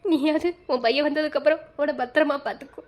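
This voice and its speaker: A woman's voice: high-pitched, fairly even intonation, fast talker, a little mellow, close to an everyday voice. A woman voicing a grieving mother who tearfully laments her lost son in a cartoon. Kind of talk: cartoon voice acting.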